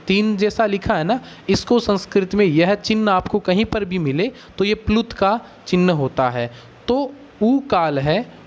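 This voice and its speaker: A man, teaching a grammar lesson at a deliberately slow pace. His voice sits high for a man. He is patient and explanatory, drawing out vowel sounds aloud as examples. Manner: patient, drawn-out, demonstrates vowel lengths aloud. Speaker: Sanskrit teacher.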